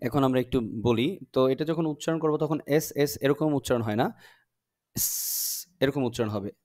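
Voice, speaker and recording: A young man teaching a class, explaining sounds patiently and repeating them slowly for drilling. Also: medium pitch, a little mellow, dry recording, clean studio sound.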